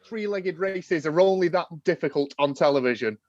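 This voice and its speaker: A man's voice: on the high side, lively intonation, normal speed, a little mellow, no room sound, muffled recording. A man co-hosting a podcast, chatting about a film with playful, giggly asides. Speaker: podcast co-host. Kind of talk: casual film review chat.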